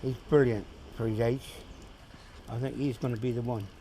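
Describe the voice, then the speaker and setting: A man's voice: mid-range voice, steady tone, moderate pace, dark tone, low-quality recording. Man in his sixties, outdoors. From southern England. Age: 60s. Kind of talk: casual interview talk. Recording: faint outdoor noise.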